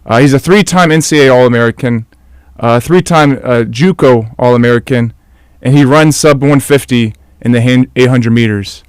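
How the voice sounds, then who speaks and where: A young man hosting a casual interview podcast, asking relaxed questions full of "uh"s. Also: mid-range voice, moderate pace, clear, resonant tone, no echo, clean studio sound. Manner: relaxed, filler-heavy questions. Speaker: podcast host.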